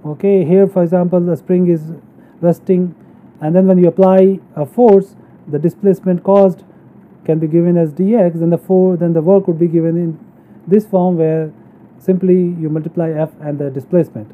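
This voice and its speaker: Over slides, a high-pitched man lectures on engineering with fairly even intonation, and the audio sounds narrow, like a phone. His explanation moves step by step, halting as he goes through every point.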